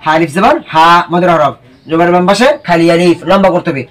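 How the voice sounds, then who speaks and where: A man with a high voice leads a recitation lesson in a patient, drilling way. He asks a question, answers it himself, then repeats the word slowly. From Bangladesh. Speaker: Quran reading teacher.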